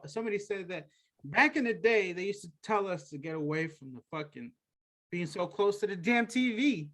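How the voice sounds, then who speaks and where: A man's voice: high-pitched, fairly bright tone. A man co-hosting a podcast in laid-back, profane banter. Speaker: podcast co-host. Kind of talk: casual chat.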